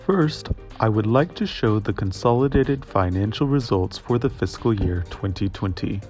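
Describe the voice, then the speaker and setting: Interpreter translation voice-over: man, lowish voice, measured and formal, faint music underneath. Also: animated, a little mellow. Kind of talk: scripted reading of financial results.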